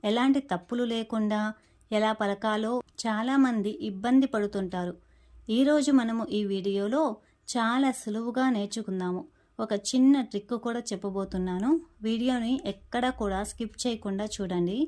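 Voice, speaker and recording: A woman's voice: fairly high pitch, darkish tone. Woman, patient devotional teacher, breaks words into syllables. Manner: patient, spells out syllables slowly when demonstrating. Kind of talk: explaining chant pronunciation.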